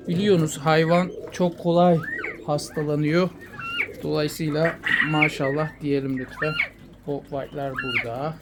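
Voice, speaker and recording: A man from Turkey showing his quails in a casual vlog, talking fondly and soothingly to the birds. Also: on the high side. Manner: fond, soothing, talks to the birds. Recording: noisy with bird sounds. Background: cooing birds, pigeons.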